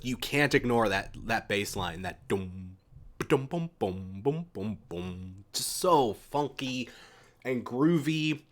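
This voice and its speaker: A man's voice: mid-range voice, fairly bright tone. A young man chatting casually on a live stream, answering viewers' questions and rambling enthusiastically about music, often restarting his sentences. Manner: rambling, with many restarts and fillers.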